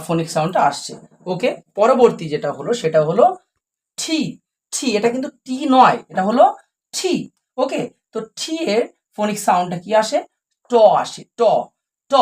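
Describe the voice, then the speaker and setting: A woman teaching English letter sounds, repeating example words slowly and answering her own questions. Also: medium pitch. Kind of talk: phonics lesson.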